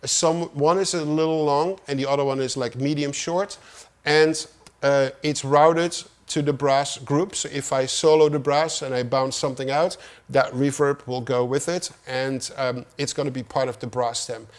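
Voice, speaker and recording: A middle-aged man, a music producer, casually walking through his studio setup in a tutorial, with relaxed, self-deprecating asides. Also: medium pitch, normal speed.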